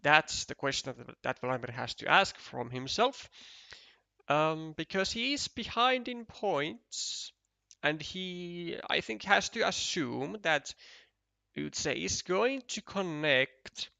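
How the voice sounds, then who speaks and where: A man's voice: a little high, lively intonation, slow, creaky, pushed and bright, dry recording. A man commentating a competitive board game match, thinking aloud, counting tiles and often restarting his sentences. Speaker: esports commentator.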